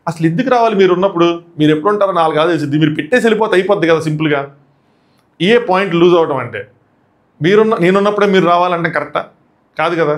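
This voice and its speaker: Male reviewer in a live reality-show review, racing through recaps and acting out the quotes, slightly high-pitched. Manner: rapid retelling that acts out quoted arguments.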